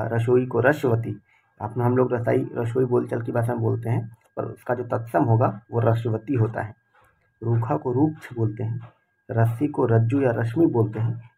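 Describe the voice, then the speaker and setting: A man teaching for an exam, briskly reading out word pairs with frequent fillers. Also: medium pitch, creaky, husky, phone-quality sound. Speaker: Hindi teacher. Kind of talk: exam-prep lesson, reading word lists.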